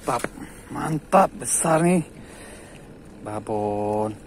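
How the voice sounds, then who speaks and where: A man's voice: medium pitch, animated, very slow, slight background noise. A man from Aceh commentating live on his own fishing trip, calling out and repeating short words whenever a fish bites. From Aceh, Indonesia. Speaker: fishing vlogger. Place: outdoors by the water.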